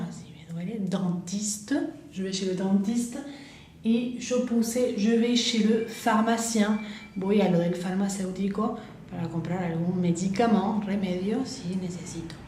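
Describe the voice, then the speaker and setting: A woman teaching French, patiently repeating each phrase slowly and explaining it. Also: mid-range voice, fairly even intonation, warm tone, slight background noise. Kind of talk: slow explanatory lesson. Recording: echoey room.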